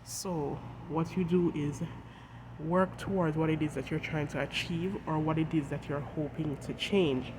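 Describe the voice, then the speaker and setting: This earnest devotional talk comes from a host whose head cold makes them sound stuffed up as they read scripture and address viewers. Their medium-pitched voice is steady and unhurried, with loud traffic outside in the background.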